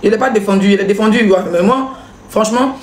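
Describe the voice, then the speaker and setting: A woman's voice: mid-range voice, roomy sound, a little hiss or hum. A woman blogger, hosting a live stream and commenting in a mocking, laughing way. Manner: mocking, laughing, rapid back-and-forth with viewers.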